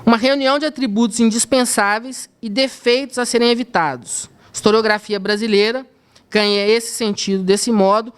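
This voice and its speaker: A woman's voice: a little high, steady tone, smooth. Brazilian woman academic reading her paper. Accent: Brazilian Portuguese. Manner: measured reading with hesitant asides to the slide operator. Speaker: university historian presenting a paper. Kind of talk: academic conference talk, reading a prepared paper.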